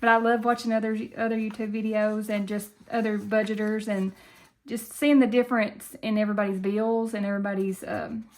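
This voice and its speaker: A woman's voice: medium pitch, level tone, a little fast. A woman from Tennessee with a country Appalachian Southern accent, chatting casually and folksily to viewers as the host of a budgeting video.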